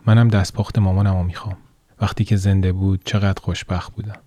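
A man's voice: sits low, level tone, warm tone, no room sound. A man voicing a poor, cold little girl who sells matches, in a raised, plaintive childlike voice.

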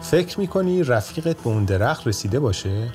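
Give me a calm, clever old judge in a bedtime story, as a man puts him on. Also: medium pitch, soft background music, close to an everyday voice.

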